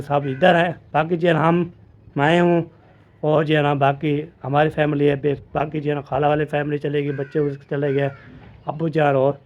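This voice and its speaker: A man's voice: mid-range voice, darkish tone. A man with a Pakistani accent chatting casually to his phone while vlogging around his village home, rambling and repeating himself with lots of filler phrases. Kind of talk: casual vlog talk to camera.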